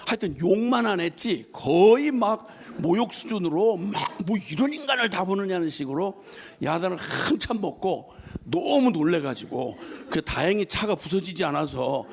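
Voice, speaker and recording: A middle-aged man preaching a sermon, telling a personal story in an animated way and acting out the lines of an angry man with laughter. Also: fairly high pitch, gravelly. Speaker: missionary preacher.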